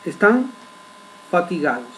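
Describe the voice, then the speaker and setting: A man. He retells the story with vivid, dramatic pauses and keeps checking in with his listeners through rhetorical questions. A faint hum runs underneath. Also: high-pitched, very animated, a bit bright, poor audio. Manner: asks the congregation frequent rhetorical questions. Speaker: preacher. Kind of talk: sermon.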